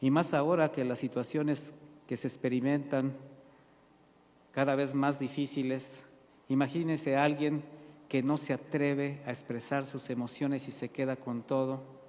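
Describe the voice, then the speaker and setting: A man's voice: medium pitch, level tone, a little slow, a little mellow. Preaching man in a reverberant church. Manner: preaching with rhetorical questions and answers; addresses congregation as brothers. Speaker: pastor. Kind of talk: sermon. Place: church hall.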